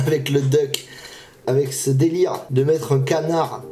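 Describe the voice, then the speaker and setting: This fishing channel host has a mellow, mid-range voice with fairly even intonation and a slow pace. Reacting casually on YouTube, he uses plenty of slang and laughs frequently as music from the video plays behind.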